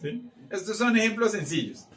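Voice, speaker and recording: A man leads a Bible teaching with a fairly high voice for a man. He keeps checking in with the group as he goes. The sound is roomy and picked up from across the room. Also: big pitch swings, moderate pace, fairly bright tone, far from the mic. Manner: asks the room for agreement often. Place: church meeting room.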